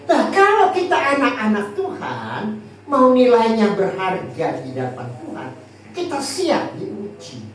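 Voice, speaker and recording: A male pastor preaches in a playful, questioning way, his pitch rising and falling widely. He sounds far from the microphone in a very echoey hall, with a faint hiss behind him. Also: measured pace. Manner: lively, jokey, asks the congregation questions. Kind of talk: sermon.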